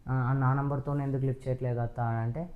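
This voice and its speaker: A man's voice: medium pitch, level tone, fast talker, phone-quality sound. A man, arguing insistently with his wife and raising his voice in a staged family quarrel. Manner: accusing, insistent, raises voice. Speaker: husband.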